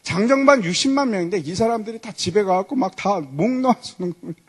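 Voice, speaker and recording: A man's voice: sits high, expressive, fast talker. A male pastor preaching a sermon in a storytelling way, often putting questions to the congregation.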